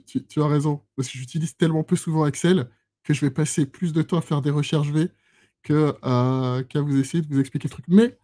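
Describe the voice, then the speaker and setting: A Switzerland-based instructor with a fairly high, warm voice gives a chatty live-streamed lesson on databases. He uses lots of fillers, restarts his sentences, and teases himself in asides.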